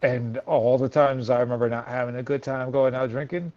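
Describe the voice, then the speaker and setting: A man's voice: mid-range voice, fairly even intonation, brisk, dull audio, background noise. A man co-hosting a podcast in a laid-back, casual way. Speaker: podcast co-host. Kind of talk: casual chat.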